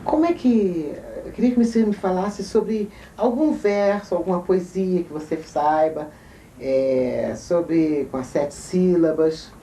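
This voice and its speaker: A woman's voice: fairly low pitch, takes it slowly, mellow, distant mic, a little hiss or hum. A woman with a Brazilian Portuguese accent, an interviewer asking brief, plain questions. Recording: roomy, off-mic with faint ambience.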